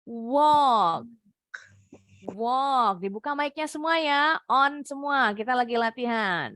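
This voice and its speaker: Over a video call on a computer mic, a young woman from Indonesia coaxes children through an online English lesson, repeating words slowly in steady drills. Her high, expressive voice has a fairly bright tone, and the recording is dry with clean studio sound.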